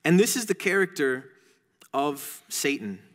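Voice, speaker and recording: A man preaches in an emphatic, conversational way, often doubling back on his words. His voice sits a little high and rings out with a long reverb through a church sanctuary. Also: sing-song, a little slow, a bit bright. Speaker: pastor. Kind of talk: sermon.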